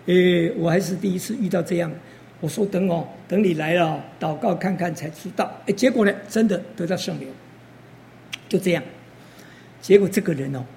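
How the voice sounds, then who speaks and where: An older preacher tells stories from the pulpit in a mellow, dark-toned voice. The talk is full of interjections and acted-out quotes, in the style of a testimony sermon. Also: mid-range voice.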